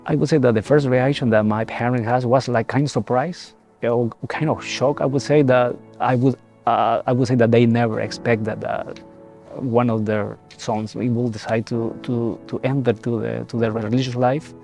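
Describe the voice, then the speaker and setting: A young man from El Salvador gives a reflective personal testimony as a seminarian, speaking haltingly with many repeated words and restarts. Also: mid-range voice, steady tone, creaky. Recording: soft music behind.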